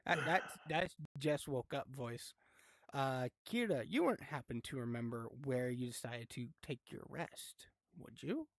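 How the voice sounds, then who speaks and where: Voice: medium pitch, expressive, measured pace, dry recording, studio quality. A game master running a live tabletop horror game in a laid-back, chatty way, laughing and swearing now and then.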